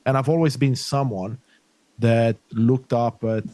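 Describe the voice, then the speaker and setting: Speaking with a steady, mellow tone at a slightly slow pace, this man has a medium-pitched voice and there's no echo. He's a middle-aged life coach from Romania, a podcast guest in a conversational interview, reflecting earnestly in long, flowing sentences.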